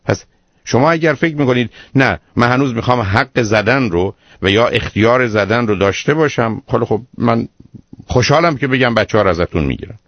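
A man's voice: medium pitch, no echo. Stern guy giving a caller a firm talking-to on a call-in show, dry dull sound. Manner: stern, lecturing, emphatic. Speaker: radio call-in advisor.

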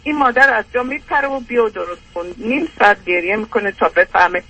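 A woman's voice: a little high, fairly bright tone, slightly rough, rough recording. An older woman calling in, rambling through an aggrieved personal complaint with many hesitations.

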